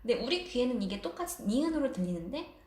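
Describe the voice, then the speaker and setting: A woman's voice: on the high side, sing-song, fast, darkish tone, roomy sound. A woman teaching a casual online language lesson, explaining patiently with light laughs.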